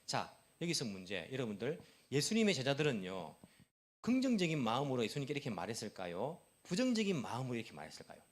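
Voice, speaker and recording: A middle-aged man preaching a Sunday sermon as pastor of a church, quick and lively, asking the congregation questions and answering them himself. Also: mid-range voice. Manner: fast-talking, self-aware, chuckles at himself. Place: church sanctuary.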